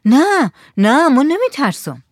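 A woman's voice: high-pitched, big pitch swings, no echo, clean studio sound, pitched above the performer's own voice. A woman voicing a hungry, eager poor village man in a storybook reading.

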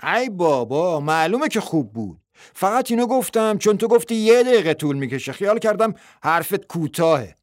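A man's voice: sits high, very animated, no echo, clean studio sound, voice pushed up. A man doing a blunt, defensive husband. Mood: exasperated. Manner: exasperated, plain-spoken.

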